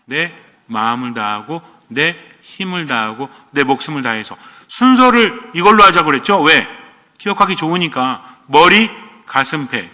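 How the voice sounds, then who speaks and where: Male priest giving a sermon, bright and slightly high, asking and answering his own questions, long church reverb. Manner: asks the congregation questions and answers them himself.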